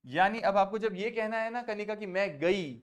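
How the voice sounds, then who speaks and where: A man's voice: sits high, moderate pace. Man teaching French, mixing in Hindi. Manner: patient, checks understanding often; mixes Hindi and English, spells out French verb forms. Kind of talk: online class teaching.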